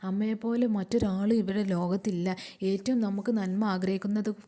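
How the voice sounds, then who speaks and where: A woman voicing a gentle, grieving young female teacher who talks slowly and softly to children. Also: medium pitch, steady tone, lightly acted. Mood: tender, tearful.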